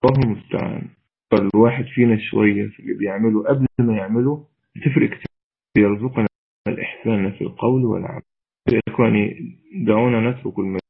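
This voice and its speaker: An Egyptian male preacher answers questions during a religious lesson, his husky, strained voice on the low side as he pushes a weak voice louder. He speaks quickly in a steady tone with an Egyptian Arabic accent, mixing formal Arabic with colloquial speech in an earnest, exhorting way. The audio is tinny and lo-fi, like a phone line.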